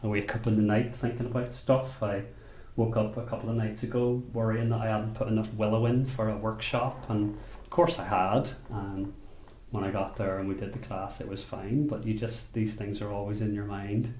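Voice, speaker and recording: Low, flat-voiced Northern Irish man. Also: roomy sound, slight background noise. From Belfast, Northern Ireland. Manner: unhurried, thoughtful, with frequent restarts. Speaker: basket maker. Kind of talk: interview monologue. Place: rural workshop or home.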